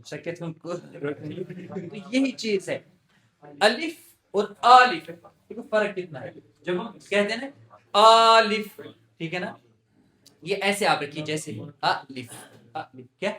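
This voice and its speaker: A man's voice: sits high, animated, bright, forceful tone. Patient male tajweed teacher, echoey room. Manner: patient, repeats words slowly to drill pronunciation. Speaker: Quran recitation teacher. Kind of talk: classroom teaching.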